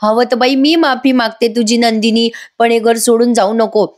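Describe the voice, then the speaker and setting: A woman voicing a scheming older aunt in a TV serial recap, pleading in drawn-out melodramatic lines. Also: a little high, fairly even intonation, close to an everyday voice.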